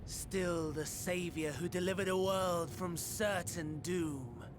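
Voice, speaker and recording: An actor playing a theatrical, menacing and bitter male game villain who delivers grandiose monologues with slow menace. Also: sits high, background noise. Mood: brooding menace. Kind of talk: dramatic video game voice acting. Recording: loud music under the voice.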